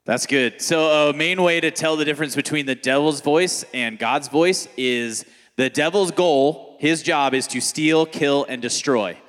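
A man in his thirties, a pastor on a question panel, explaining calmly in a soft-spoken way. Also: fairly high pitch, a little slow, long reverb tail. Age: 30s. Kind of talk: panel Q&A teaching.

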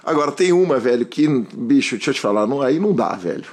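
A man's voice: mid-range voice, animated, quick pace. A man hosting a podcast, teasing his guest and prompting him with jokes. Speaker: podcast host. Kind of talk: casual interview chat.

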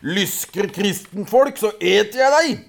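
A man voicing a big, dim male forest troll who blusters with booming "ho, ho" cries and howls when he is hurt. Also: lively intonation, creaky. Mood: blustering.

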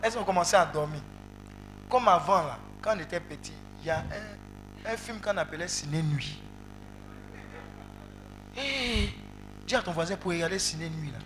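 A male preacher leading an interactive sermon, calling out to the congregation and breaking into loud exclamations. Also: fairly high pitch, brisk, music in the background. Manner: animated, calls out to the congregation, bursts into loud exclamations. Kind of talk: interactive sermon with call and response.

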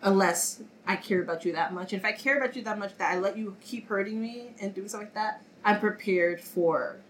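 A woman's voice: mid-range voice, brisk, a little hiss or hum, rough recording. A woman in casual podcast chat, slightly nasal from a cold, speaking candidly and thoughtfully. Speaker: podcast co-host.

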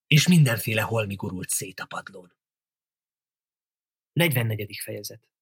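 A man reading a novel aloud as an audiobook narrator, in a steady storytelling delivery. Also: mid-range voice, husky, no echo, clean studio sound.

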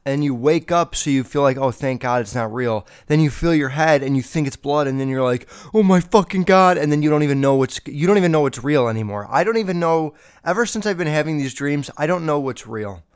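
A young man hosts a casual solo podcast on a podcast microphone, rambling with heavy swearing and many fillers. He's feeling sick, sounding slightly nasal and a bit under the weather, yet his voice is on the high side, animated and fairly quick with few pauses, clear and resonant.

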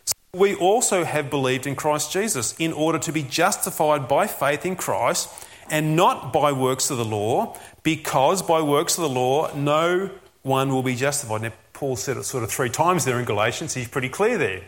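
A man's voice: fairly high pitch, normal speed. A man preaching a sermon as a pastor, earnest and emphatic, often asking rhetorical questions.

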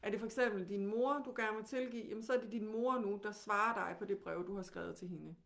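A woman with a Danish accent teaching, who guides calmly and gently with many questions. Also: medium pitch, gravelly.

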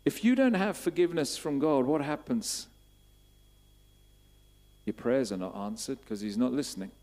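A man preaching a sermon, asking repeated questions and building to emphatic, louder bursts. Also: mid-range voice, expressive, moderate pace.

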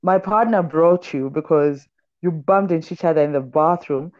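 A woman writer who is a podcast guest, chatting in a lively storytelling way and reading aloud from her book. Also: deep voice, moderate pace, lo-fi sound.

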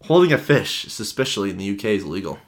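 A young man from Canada with a fairly low voice, co-hosting a laid-back podcast. He jokes around, laughs a lot and swears casually as he reads out odd facts. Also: big pitch swings, fast talker. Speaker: podcast co-host. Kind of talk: casual chat.

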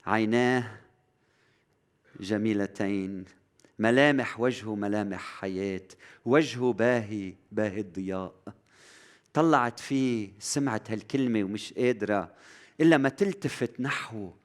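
A man with a Lebanese accent preaching a sermon as pastor, rising to loud cries and dropping to hushed, near-whispered lines. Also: fairly low pitch, moderate pace, long pauses.

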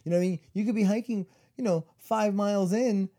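A man in his forties co-hosts a casual chat, talking fast in a high, warm voice. He tells long stories packed with "like" and "you know."

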